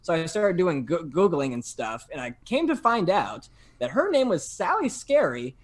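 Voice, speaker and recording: A young man telling a story in casual chat, animated and full of fillers and restarts. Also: a little high, normal speed. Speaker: podcast guest telling a story.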